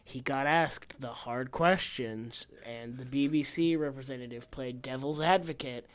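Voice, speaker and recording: A man's voice: mid-range voice, unhurried. A young man co-hosting a podcast, chatting casually and laughing, with playfully strong opinions. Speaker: podcast co-host. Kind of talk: casual chat.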